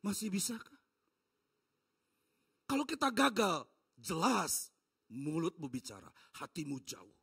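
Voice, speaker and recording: A man preaching a sermon as a pastor, dramatic, with rhetorical questions put to the congregation and sudden drops to a soft low voice. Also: wildly swooping pitch, unhurried, vocal fry, husky. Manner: dramatic, shifting from loud exhortation to low soft-spoken voicing of God. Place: church.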